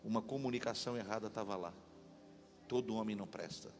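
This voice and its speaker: A man pastor preaching a lively sermon in a church, leading the congregation to repeat after him. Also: on the low side, quick pace. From Brazil. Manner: animated, call-and-response with congregation. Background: instrumental music.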